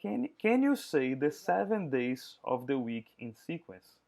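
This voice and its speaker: A male teacher running an English review class over a video call, his pitch sitting mid-range for a man. He moves between explanations and slow, careful English words for students to repeat. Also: big pitch swings, creaky, darkish tone. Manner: mixes English and Portuguese, drills pronunciation slowly.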